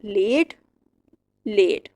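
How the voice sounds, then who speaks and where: A woman teaching English verb forms, reciting each word slowly and clearly with short explanations. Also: mid-range voice, lively intonation, mellow. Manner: slow, drilled word-by-word recitation. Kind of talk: vocabulary lesson.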